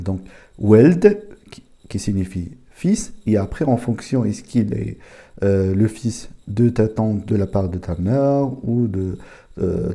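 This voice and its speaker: A man giving a casual spoken language lesson, saying each word slowly and repeating it several times. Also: fairly low pitch, dark tone. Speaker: language teacher.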